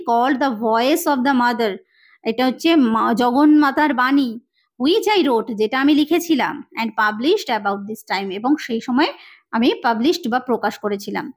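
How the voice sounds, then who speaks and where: Brief: woman teacher, Bengali accent, high voice, unhurried delivery, reads each text line slowly and then explains it.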